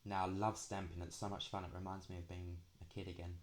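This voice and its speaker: Deep-voiced man with drawn-out s sounds. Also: flat delivery, slight background noise. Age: young adult. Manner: drags out the s sounds. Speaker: craft planner vlogger. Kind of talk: casual chatty product walkthrough.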